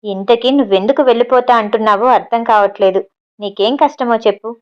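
A woman's voice: fairly high pitch, brisk, highs cut off, natural voice. A woman voicing an older man, the head of a household, who coaxes and pleads. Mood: pleading. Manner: coaxing, pleading tone.

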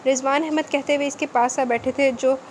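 A woman narrating a romance novel in a steady, expressive audiobook reading. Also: sits high, normal speed, slight background noise.

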